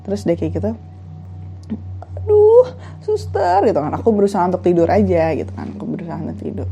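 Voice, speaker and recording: Mellow-voiced young woman telling a story. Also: on the low side, racing. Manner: chatty, many fillers and asides. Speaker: vlogger. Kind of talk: casual storytelling.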